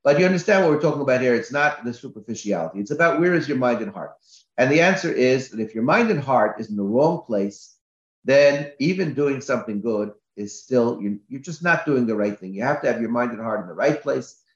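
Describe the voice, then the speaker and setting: A man's voice: mid-range voice, lively intonation, brisk. A man, a rabbi, giving a Torah class with emphatic repetitions, recorded lo-fi in an echoey room.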